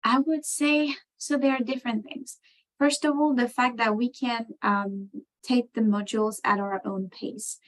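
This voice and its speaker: A woman from France, answering interview questions on a video call, talking thoughtfully with many pauses and fillers. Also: a little high, steady tone, rough recording. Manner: thoughtful, many ums and you knows. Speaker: program participant.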